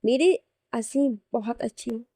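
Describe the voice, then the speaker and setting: A woman voicing a gentle, bashful young bride. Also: on the high side, unhurried, dry recording, clean studio sound. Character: shy, loving young bride.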